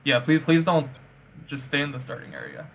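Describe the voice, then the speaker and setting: A man's voice: medium pitch, wildly swooping pitch, brisk, creaky, a little hiss or hum. A man hosting an online gaming event, chatting casually and giving players instructions. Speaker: community game event host. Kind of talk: casual game event chat and organizing. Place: online voice chat during a game.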